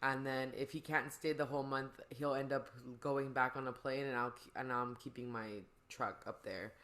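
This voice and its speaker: A woman's voice: very deep voice, steady tone, moderate pace, a bit bright. A woman hosting a podcast, chatting casually in a rambling, slangy way. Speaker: podcast host. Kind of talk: casual chat.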